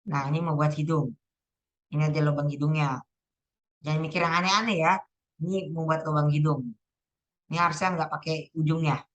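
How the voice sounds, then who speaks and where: A woman's voice: low voice, fairly even intonation, a little fast, long pauses, lo-fi sound. A teenage girl casually going over exam answers, thinking aloud and often correcting herself. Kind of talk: casual spoken exam walkthrough.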